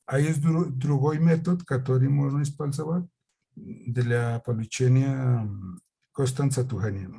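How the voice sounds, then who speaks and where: Halting man, non-native Russian speaker, slow pace. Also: mid-range voice, vocal fry, dark tone, slightly rough. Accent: foreign. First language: not Russian. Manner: halting, searching for words. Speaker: conference presenter. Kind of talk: academic slide presentation.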